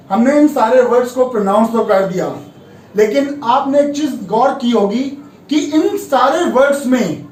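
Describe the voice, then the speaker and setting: A man teaching English pronunciation in a video lesson, spelling words out letter by letter and repeating each one slowly. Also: very high-pitched, a little mellow, roomy sound, distant mic, rough recording. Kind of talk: classroom-style video lesson. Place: room with a board beside him.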